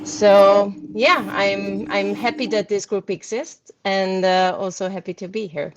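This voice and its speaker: A woman's voice: mid-range voice, fairly even intonation, measured pace, dull audio, a crowd in the background. A woman from Hungary, a guest speaker answering questions casually with many hesitant fillers.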